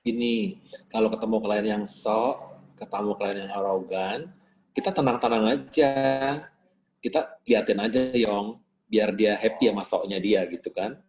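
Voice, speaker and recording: A man's voice: lowish voice, a little slow. A man in casual chat on a video call, telling a story with lots of slang and acting out what people said. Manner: animated, acts out quoted lines in slangy talk. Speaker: guest.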